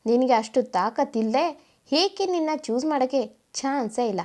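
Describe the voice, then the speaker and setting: A woman's voice: sits high, expressive, moderate pace, darkish tone. Sneering phone villain man, as a woman reads him. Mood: mocking. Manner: teasing, sneering, then curt. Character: mocking male villain on the phone.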